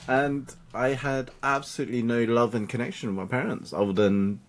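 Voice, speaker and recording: A man in his thirties, a native Cantonese speaker, talks through his life story as an interview guest in a mid-range voice at a moderate pace. He's animated, often acting out the voices of family members and peers.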